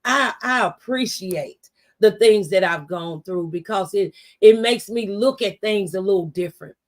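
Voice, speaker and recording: A woman with a mid-range voice speaks unhurriedly as a talk show host and mentor in a faith-based motivational conversation. She testifies using rhetorical questions and repeated phrases.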